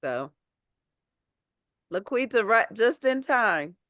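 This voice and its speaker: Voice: mid-range voice, sing-song, takes it slowly, bright, forceful tone, no echo, clean studio sound. A committee member on a video call, speaking earnestly and thinking aloud with restarts. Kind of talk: community board meeting discussion.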